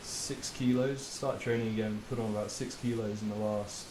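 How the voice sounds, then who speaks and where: A man's voice: fairly low pitch, normal speed. A man hosting a podcast as a personal trainer, talking casually and laughing easily, with the odd swear. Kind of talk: casual chat. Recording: roomy with steady hiss.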